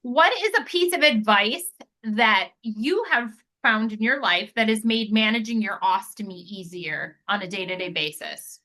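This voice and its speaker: A woman's voice: medium pitch, normal speed, few pauses, pushed and bright. A woman hosting an interview in casual chat, talking freely with many fillers. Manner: chatty, lots of "like" and "yeah". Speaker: podcast host.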